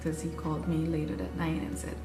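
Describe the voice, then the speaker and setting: A woman in her forties from Haiti, earnestly recounting her life in an unhurried interview. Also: deep voice, flat delivery. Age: 40s. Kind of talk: personal recollection. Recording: echoey room with music underneath. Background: music.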